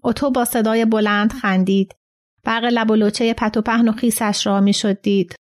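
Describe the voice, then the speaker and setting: A woman narrating a literary short story in an even, steady reading. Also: fairly high pitch. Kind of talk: scripted narration.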